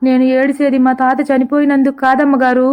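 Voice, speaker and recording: A woman's voice: high voice, monotone, fairly quick, clean tone, dull audio, lightly acted. A woman voicing a foolish, weepy male chauffeur in a comic story. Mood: whining. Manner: whiny, sobbing.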